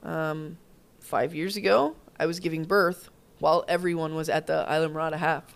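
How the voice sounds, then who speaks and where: A woman's voice: low-pitched, fairly even intonation, normal speed, gravelly. A woman in her thirties, co-hosting a gym podcast in an upbeat, chatty casual conversation. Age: 30s. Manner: chatty, upbeat, trailing off mid-sentence. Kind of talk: casual chat.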